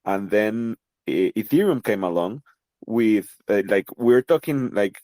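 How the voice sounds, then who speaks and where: Here a crypto project representative from Costa Rica, a native Spanish speaker with a local accent, chats as a guest in a casual podcast interview. He sounds low, warm and animated, if a little slow, with no room sound. His manner is reflective and relaxed, full of fillers and false starts.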